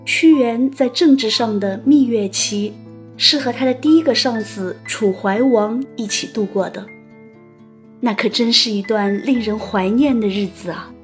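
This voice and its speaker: A woman narrating a written story as an audio host, in a playful, chatty manner with lively asides. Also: fairly high pitch, a little slow, soft background music.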